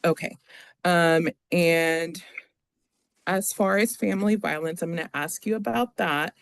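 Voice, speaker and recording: With a smooth mid-range voice touched by vocal fry, an attorney reads formal requests and questions a witness in a halting, procedural way. The courtroom audio carries no echo.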